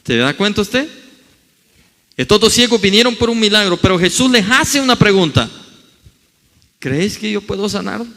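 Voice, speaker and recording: A man preaching from the pulpit, his voice high and lively with wide pitch swings. He acts out the scripture quotes as he goes. A long church reverb trails each phrase. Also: moderate pace, pauses often. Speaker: pastor. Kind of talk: sermon. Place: church hall.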